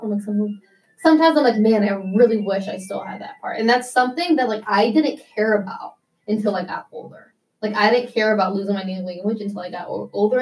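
A chatty young adult American woman talks in a loose interview manner, peppered with "like" and small restarts. Her voice sits in a normal middle range and sounds a little mellow. She is slightly set back, far from the mic, in a low-quality recording.

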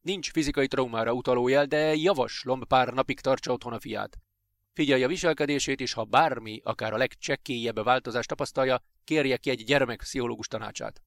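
Egy nyugodt, gondoskodó mentőápoló, egy férfi felolvasásában, aki tárgyilagosan, higgadtan kérdez és tanácsot ad. A hang száraz, visszhang nélküli. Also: male voice, medium pitch, no room sound, lightly acted. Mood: calm. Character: calm, caring male paramedic.

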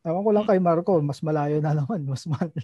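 A man from the Philippines chimes in with short, agreeing remarks, speaking slowly. His voice is somewhat high yet very dark and husky, recorded dry. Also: no echo. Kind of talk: casual podcast chat.

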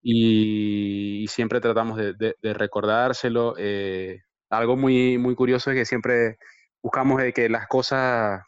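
A man's voice: lowish voice, flat delivery, takes it slowly, clean tone, no room sound. A Venezuelan man in his thirties, an interview guest, talking earnestly and hesitantly with many repeated words. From Venezuela, Zulia. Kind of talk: casual remote interview. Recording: dry, dull lo-fi call audio.

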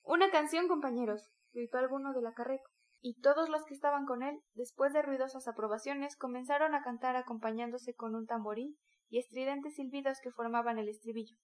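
High-voiced woman reading a novel. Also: fairly even intonation, brisk. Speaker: audiobook narrator. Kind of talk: scripted narration.

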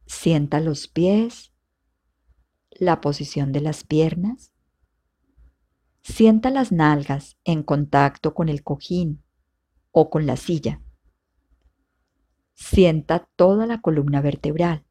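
Leading a guided meditation, a woman instructor uses a low, relaxed voice and a very slow, deliberate pace. Short instructions are spaced out by long pauses, and her tone remains calm and soothing.

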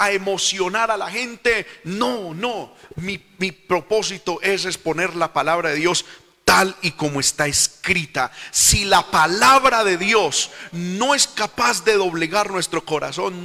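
A man's voice: high voice, sharp tone, big-room sound. A man preaching a fervent sermon, again and again calling his listeners brother.

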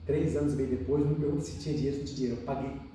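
A Brazilian man recounts his story at a rapid clip, mellow in tone, repeating phrases and acting out dialogue as he goes. He is recorded from a distance in a very echoey room. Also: medium pitch, steady tone, slight background noise. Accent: Brazilian Portuguese. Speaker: podcast guest telling his life story. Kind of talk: emotional personal storytelling in conversation.

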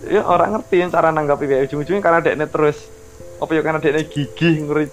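A young man with a Javanese accent in a casual chat, animated, laughing often and trailing off as he searches for words. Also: a little high, fast talker.

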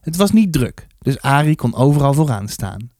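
A man reads a children's book aloud in an easy, lively first-person telling. His voice sits at an ordinary pitch. It is recorded close and dry, with no room sound. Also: moderate pace, no room sound. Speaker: storybook reader.

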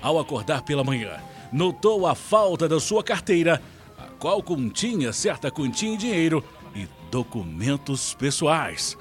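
A man's voice: on the high side, sing-song, unhurried, faint music behind. A Brazilian man reading a scripted radio police-news bulletin as the reporter.

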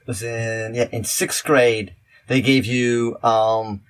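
A man co-hosting a podcast, chatting casually, telling jokes and filling pauses with "um". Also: mid-range voice, steady tone, clear, resonant tone. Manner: joking, chatty, many fillers. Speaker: podcast co-host.

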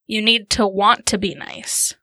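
A woman's voice: mid-range voice, measured pace, bright, forceful tone, dry recording. A woman playing in a tabletop game, speaking in character and chatting between moments. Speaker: player. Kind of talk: tabletop role-play.

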